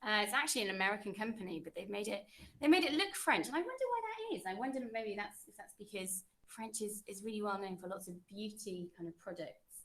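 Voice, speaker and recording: A woman's voice: medium pitch, lively intonation, fast, a bit bright. Encouraging woman teacher running a quiz. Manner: encouraging and chatty. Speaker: French teacher.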